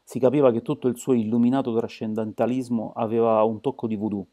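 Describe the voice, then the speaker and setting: A man reading an amateur audiobook in a steady, measured way. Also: medium pitch. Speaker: audiobook narrator.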